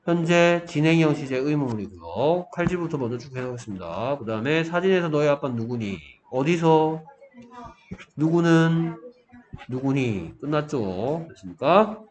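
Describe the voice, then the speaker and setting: A man with a slightly high, darkish voice and lively intonation gives an English grammar lecture at a moderate pace. He frequently checks in with his students and answers his own questions, and the room is echoey with faint background noise.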